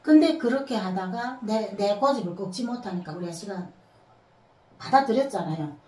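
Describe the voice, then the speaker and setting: A woman's voice: medium pitch, normal speed. A woman from Korea, telling family stories animatedly as an interview guest. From North Korea. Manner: animated, acts out family dialogue. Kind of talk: casual storytelling chat. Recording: roomy sound from a distant mic.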